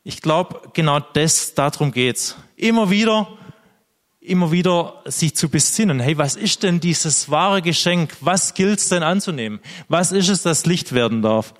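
A man's voice: fairly high pitch, animated, measured pace, big-room sound. Earnest male preacher. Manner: earnest, direct address to the congregation. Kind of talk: sermon.

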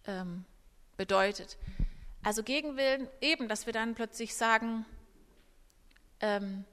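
A woman giving a live parenting talk to an audience, animated and acting out little scenes between parents and children. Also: on the high side. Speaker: parenting speaker. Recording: reverberant hall.

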